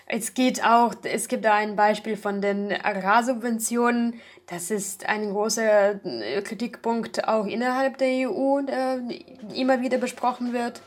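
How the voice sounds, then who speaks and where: A woman talking thoughtfully about a project in an interview, pausing often with fillers. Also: on the high side, steady tone. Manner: thoughtful, hesitant with many fillers. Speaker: project member. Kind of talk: casual interview talk.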